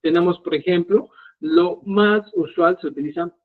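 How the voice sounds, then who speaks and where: A man's voice: high-pitched, moderate pace. A man teaching a live online language lesson, speaking to his students and often stopping to check that they follow. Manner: animated, repeats checks like "¿ya?" to students. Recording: narrow phone-like audio.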